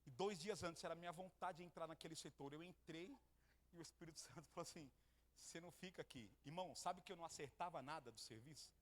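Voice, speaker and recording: A young Brazilian man preaching a testimony sermon, telling his story and acting out the dialogue, going from soft to loud. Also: fairly high pitch, fast. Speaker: evangelist preacher.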